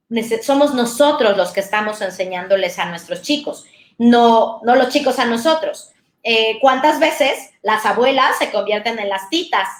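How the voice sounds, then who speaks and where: Woman therapist, echoey room. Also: on the high side. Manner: warm, conversational, explains with examples. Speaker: speech therapist. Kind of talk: talk to parents.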